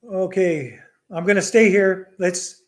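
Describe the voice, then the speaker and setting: A middle-aged man hosting a casual live Q&A at home, telling a story with animated energy and mixing Bisaya words into his English. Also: sits high, slow pace. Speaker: livestream host.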